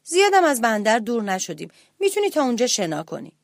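A woman voicing a brisk, bossy animal ship captain in a children's story, giving slow commanding orders. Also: on the high side, sing-song, creaky, no room sound, studio quality. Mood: curt.

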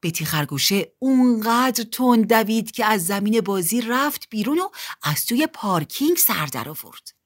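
Woman reading a children's story lively. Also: on the high side.

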